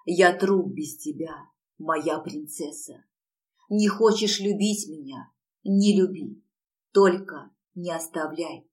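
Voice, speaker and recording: A woman reading the lines of a desperate young male lover, hoarse and breathless as he pleads. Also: sits low, takes it slowly, a little mellow, distant mic. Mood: pleading.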